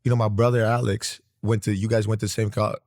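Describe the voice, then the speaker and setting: A man's voice: fairly low pitch, level tone, fast, darkish tone. A man from Greece hosting a casual interview, talking in rambling sentences that often restart. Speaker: podcast host.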